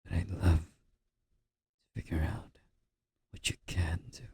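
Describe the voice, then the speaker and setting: A man doing a whispered role-play as a comforting boyfriend, speaking in a soft, breathy, intimate murmur with a husky, gravelly edge, close to the microphone. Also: low-pitched, little pitch movement, no room sound. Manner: slow, gently reassuring boyfriend-style comforting.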